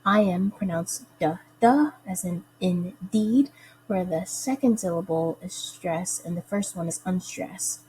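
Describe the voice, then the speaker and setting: A young woman presents a lesson in a mellow, warm voice, slowing down to sound out the stresses of words. She talks with careful, deliberate explanation, like a student giving a class presentation. A faint ambient hum sits under the recording. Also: fairly low pitch, fairly even intonation, low-quality recording.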